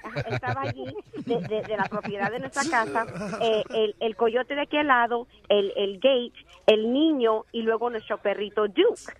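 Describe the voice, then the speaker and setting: A woman's voice: a little high, moderate pace. A woman calling in to a radio show, chatting through a long family story and quoting her son. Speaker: caller, the host's wife. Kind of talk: telling a family story on air. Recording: phone line into radio studio.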